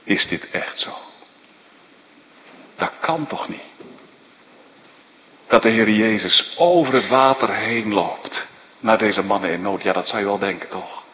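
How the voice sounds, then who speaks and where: A man's voice: lowish voice, measured pace, long pauses, dull audio, a little hiss or hum. A man dramatically retelling a Bible story, asking his listeners rhetorical questions as a preacher. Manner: vivid, asks listeners rhetorical questions, tag "hè". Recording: long reverb of a large hall.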